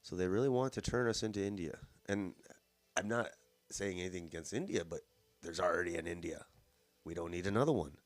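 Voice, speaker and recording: Low-voiced man mocking politicians. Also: fairly quick, dry recording. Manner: mocking, swears, mimics politicians in a sing-song voice. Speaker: host. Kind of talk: casual political commentary.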